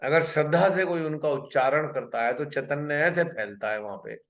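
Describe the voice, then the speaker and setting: A man's voice: fairly high pitch, lively intonation, fairly bright tone, echoey room. Earnest man giving a spiritual talk. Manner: earnest, pausing, repeats phrases. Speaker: spiritual workshop speaker. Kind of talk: spiritual talk on a video call. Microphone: video call.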